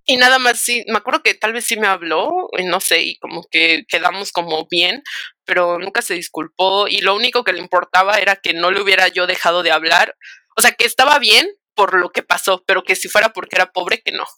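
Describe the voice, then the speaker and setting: A young Mexican woman talking in a bright, forceful voice, animated and slangy, with English words dropped in. The recording is close and dry, with no room sound. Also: on the low side, a little fast, dry recording. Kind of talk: casual chat, storytelling.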